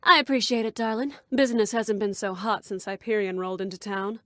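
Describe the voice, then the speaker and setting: A woman's voice: mid-range voice, steady tone, a little fast, bright, forceful tone, no room sound, studio quality, close to an everyday voice. A woman voicing a flirtatious, brash bar owner in a video game, speaking in a sultry, suggestive purr. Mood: flirty. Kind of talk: video game character dialogue.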